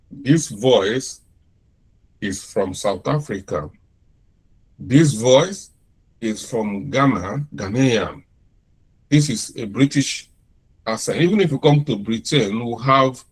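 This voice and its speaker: In a relaxed classroom lecture, a Nigerian-accented man speaks slowly, often circling back to repeat or restart what he's saying. His voice is husky and medium in pitch, and the audio quality is poor.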